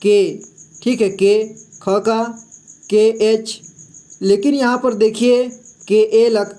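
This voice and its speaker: In a high, mellow voice with a steady tone, a man slowly teaches Hindi syllables like a patient classroom teacher. He repeats every sound and checks in with his listeners often.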